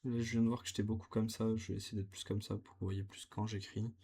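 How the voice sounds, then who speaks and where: A man's voice: on the low side, flat delivery, quick pace, creaky, dark tone, slight background noise. A young man vlogging his language practice, talking casually and hesitantly as he writes. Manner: hesitant, thinking aloud while writing. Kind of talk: casual learning vlog. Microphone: camera set on the desk.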